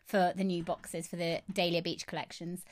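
A woman's voice: on the low side, flat delivery, moderate pace, heavy background noise. A woman co-hosting a chatty podcast, bubbly, laughing often and restarting her sentences. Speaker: podcast co-host. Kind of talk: casual chat.

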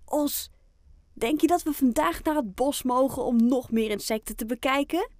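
A woman voicing a lively, easily amazed little girl in a children's audiobook, excited and impatient in how she speaks. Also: high voice, moderate pace, no echo, clean studio sound, pitched above the performer's own voice, close to an everyday voice. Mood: curious.

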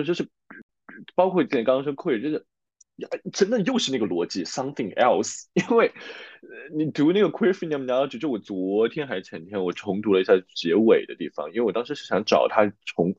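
A man's voice: fairly low pitch, darkish tone, slightly rough, dry recording. A man hosting a podcast who talks through his readings in a reflective, casual way, mixing Chinese and English. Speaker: podcast host. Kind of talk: casual academic chat. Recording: dull, dry sound.

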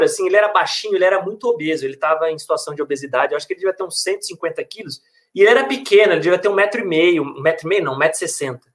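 A man who works as a hospital clown and researcher, talking in a casual, animated, slangy way. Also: high voice. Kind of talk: casual conversation.

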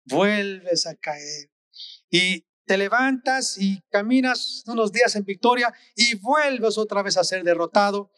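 Preacher, male, high voice, slow and earnest, exhorting, dry sound. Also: fairly bright tone, smooth, dry recording. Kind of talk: sermon.

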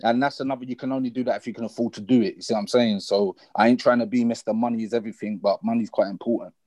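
A man's voice: medium pitch, fairly even intonation, very fast, darkish tone, no room sound. A man with an urban London accent talking casually in a group, using slang-heavy roadman speech. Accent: London, urban street.

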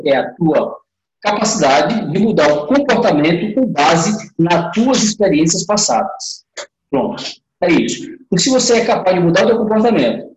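A man's voice: a little high, roomy sound, low-quality recording. Chatty man teaching live. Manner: chatty, talks straight to viewers with many fillers. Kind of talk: casual live lecture.

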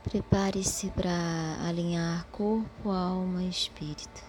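Slow, soothing woman leading meditation. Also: on the low side, steady tone, slight background noise. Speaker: guided meditation leader. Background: soft music.

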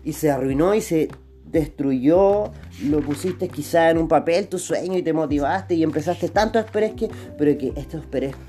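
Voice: mid-range voice, moderate pace, warm tone, soft background music. A speaker with a Chilean Spanish accent giving a motivational talk, posing rhetorical questions, answering them, and repeating phrases for emphasis.

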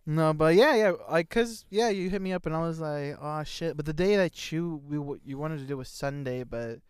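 A man's voice: fairly high pitch, normal speed, darkish tone, smooth, dry recording, clean studio sound. A young man co-hosting a podcast, chatting casually and laughing often as he rambles. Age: young adult. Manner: laughs often, loose rambling talk with many fillers. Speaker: podcast co-host.

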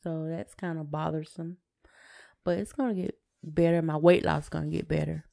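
A deep, dark-toned woman's voice with vocal fry carries this casual podcast conversation at a moderate pace. As co-host she keeps it plain, her intonation fairly even, and repeats short phrases often.

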